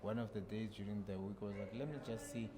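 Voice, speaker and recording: A man with a fairly low voice talks through his stories in an easygoing way, pausing on "uh" and "um" as he remembers dates and places. He is a guest on a studio podcast from South Africa, and a steady ambient hum sits clearly behind him. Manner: relaxed storytelling with frequent fillers. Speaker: podcast guest, long-distance walker. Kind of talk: casual interview chat.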